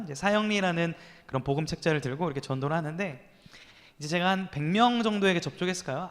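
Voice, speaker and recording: Pastor, man, 30s, high voice, youth sermon, storytelling style, long hall reverb. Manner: storytelling with acted quotes and rhetorical questions to listeners.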